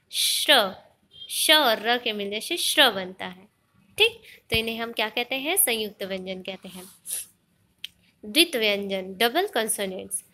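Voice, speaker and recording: A woman's voice: on the high side, pushed and bright. A woman teaching an online grammar lesson, explaining step by step, asking the class questions and mixing in English words.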